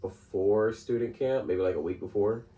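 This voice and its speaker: A man's voice: fairly low pitch, moderate pace, warm tone, recorded from a distance. A man co-hosting a casual podcast, telling a story with lots of fillers, restarts and laughter. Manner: rambling, laughs often, many fillers and restarts. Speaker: podcast co-host. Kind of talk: casual chat. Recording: roomy sound from off-mic, faint noise.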